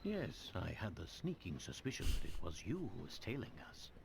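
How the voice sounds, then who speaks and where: A calm, polite professor-detective from an animated mystery game. His middle-aged voice has a fry at the edges and expressive pitch swings. He measures his words thoughtfully, with clear noise behind him. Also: moderate pace, heavily acted. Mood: gently cautioning.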